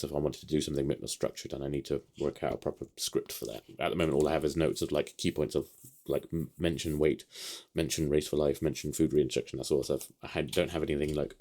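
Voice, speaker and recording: Super low-voiced guy from the uk vlogging from his home office, rambly with lots of ums. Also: warm tone. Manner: rambling, many ums and restarts. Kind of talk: casual rambling update.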